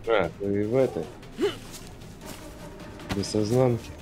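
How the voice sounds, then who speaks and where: A man with a fairly low voice speaks casually as a teammate in game chat. Music and gunfire are clear behind him. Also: takes it slowly. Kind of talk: casual voice chat during gameplay.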